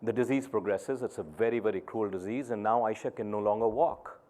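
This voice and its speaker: A middle-aged man giving a keynote speech on stage, telling a personal story in an earnest, deliberate way with pauses between phrases. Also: fairly low pitch, mellow. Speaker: keynote speaker. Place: conference stage before an audience.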